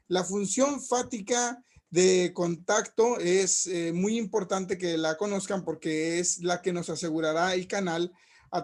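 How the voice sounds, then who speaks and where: A man's voice: high-pitched, darkish tone. A man lecturing as a teacher, explaining with everyday examples and checking in with rhetorical questions. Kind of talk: recorded class lecture.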